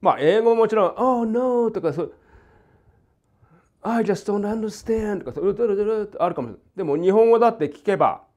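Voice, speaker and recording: An older man from Hokkaido with a light Hokkaido accent, teaching jazz guitar in a casual, animated way and acting out rhythms and quoted voices. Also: high voice, very fast, few pauses. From Hokkaido, Japan. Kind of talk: casual spoken lesson. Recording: dull lo-fi recording.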